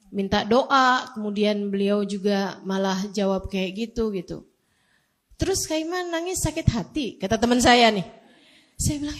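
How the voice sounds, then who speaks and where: A woman in her forties, an Indonesian preacher, telling a personal story in a lively, self-mocking way. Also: medium pitch. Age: 40s. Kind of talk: storytelling religious talk.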